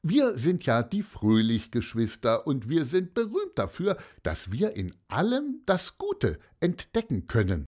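A man's voice: mid-range voice, wildly swooping pitch, measured pace, hardly any pauses, a little mellow. A man reading a storybook, voicing Caroline, a chirpy female teacher who gushes encouragingly. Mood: enthusing.

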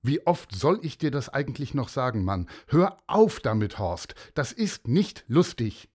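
A man's voice: mid-range voice, very animated, a little slow, darkish tone, breathy edge. A man voicing an exasperated female schoolteacher who scolds a pupil in a raised voice. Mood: scolding.

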